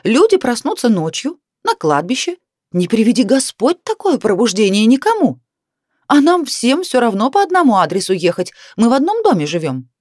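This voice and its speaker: A woman voicing an insistent female neighbor who takes charge with a raised, higher voice. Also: very animated, normal speed, no room sound, clean studio sound. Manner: commanding, insistent.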